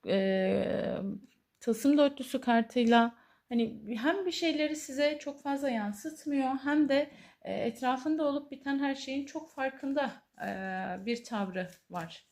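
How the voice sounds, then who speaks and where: A woman giving a tarot reading to her viewers, earnest, pausing often with drawn-out fillers. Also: on the high side. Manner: hesitant, many drawn-out fillers, soft and earnest. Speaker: tarot reader.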